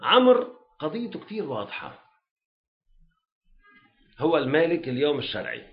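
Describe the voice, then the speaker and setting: Lebanese male teacher for a classroom lecture: animated and lively, keeps checking that students follow, dull lo-fi sound. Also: fairly high pitch, normal speed. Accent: Lebanese Arabic. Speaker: religious law teacher.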